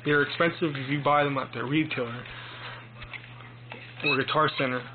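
Filmed indoors in a small domestic room with a handheld phone, this clip has a young amateur reviewer talking about headphones in a halting, informal, rambling way. He speaks at medium pitch in an even tone, and the recording is tinny with noticeable noise.

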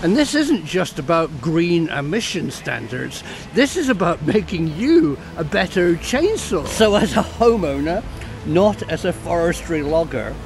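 A man's voice: a little high, slight background noise. An older man outdoors in a garden, talking close to a handheld camera as he explains the engineering of a chainsaw with enthusiasm and little bursts of laughter. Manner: enthusiastic, breaks into short laughs mid-sentence. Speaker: science filmmaker and farmer reviewing a chainsaw. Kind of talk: casual explanatory video review. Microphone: handheld camera held close, wide-angle selfie framing.

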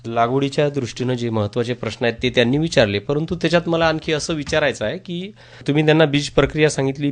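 A man presents a radio interview in a medium-pitched voice. He puts long questions to his guest and sums up the points as he goes. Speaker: radio programme host.

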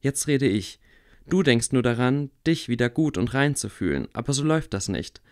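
A man reading aloud, voicing a calm, wry blind boy wizard who speaks quietly. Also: mid-range voice, normal speed, close to an everyday voice. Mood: earnest. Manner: quiet, level.

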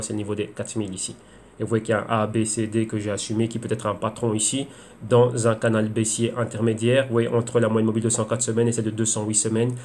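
Male chart analyst, rapid-fire delivery, monotone, lots of rhetorical questions. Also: lowish voice, slight background noise. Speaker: crypto trading analyst. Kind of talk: screen-share chart analysis.

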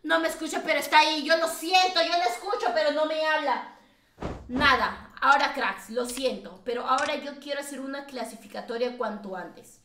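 A woman's voice: high-pitched, moderate pace, pushed and bright, roomy sound, slight background noise. A woman hosting a casual game live stream, chatty and teasing, laughing often.

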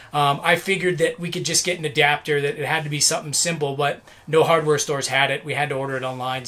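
A man in his forties, an RV renovation vlogger, talks to camera from inside a motorhome kitchen, explaining how to swap out the sink in a casual DIY how-to. He's chatty and self-deprecating, full of fillers and restarts. His voice is a little high and a bit bright.

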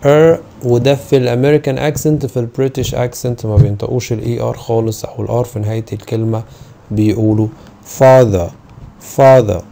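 A man's voice: mid-range voice, gravelly, warm tone. A man with an Egyptian Arabic accent teaching an English phonetics lesson, stretching out model words and repeating each one several times. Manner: slow, drawn-out model pronunciations of English sounds. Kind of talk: online video lesson.

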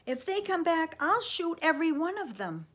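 A woman reading aloud voices a bold young farm boy, raising her voice high and loud for him. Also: moderate pace, husky. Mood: furious. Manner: excited, raised and loud.

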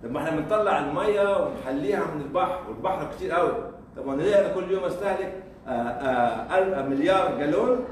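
Speaking very fast in a fairly high, slightly mellow voice with lively intonation, an Egyptian man lectures informally at a university as a guest. His Egyptian Arabic accent is clear as he poses rhetorical questions, repeats points and chuckles. Faint noise and echo come through a distant microphone.

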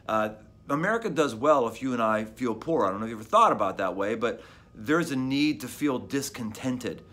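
A middle-aged pastor speaks from his office in an evening devotional. His voice sits at an ordinary pitch for a man, and his delivery is conversational, with repeated words and phrases for emphasis. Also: expressive, a little fast, fairly bright tone.

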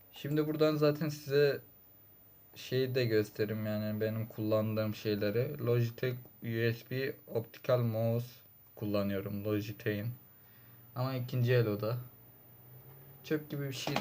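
A man's voice: mid-range voice, fairly even intonation, unhurried, long pauses, darkish tone. A man giving casual gameplay commentary, grumbling and exasperated, with sudden frustrated outbursts. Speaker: gaming channel host.

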